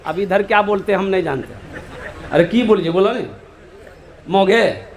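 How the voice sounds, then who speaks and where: High-voiced Hindi preacher telling funny stories. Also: male voice, some chatter behind. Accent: eastern Hindi dialect. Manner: sings verses slowly, acts out characters in dialect. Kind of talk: humorous sermon storytelling.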